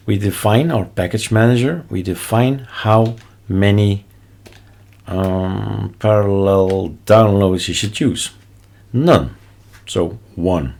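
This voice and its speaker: Male screencast host, Belgian accent, non-native; lowish creaky voice, thinks aloud in clipped casual bits. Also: a little mellow. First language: not English. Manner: short choppy phrases, offhand asides. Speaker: tutorial host. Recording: noticeable background noise, keyboard clicks and typing. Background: keyboard typing and mouse clicks.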